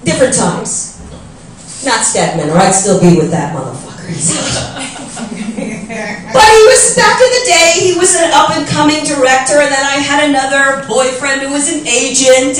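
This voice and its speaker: Brash, lively New woman doing stand-up. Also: high-pitched, moderate pace, slight background noise. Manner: brash, gossipy storytelling with acted-out voices. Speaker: stand-up comedian. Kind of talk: stand-up comedy routine. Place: comedy club stage. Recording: echoey club sound from far off.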